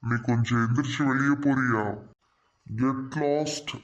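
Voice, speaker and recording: A man's voice: medium pitch, fairly even intonation, a little slow, highs cut off, close to an everyday voice. A man voicing a dismissive office manager in a cartoon, curt and cold.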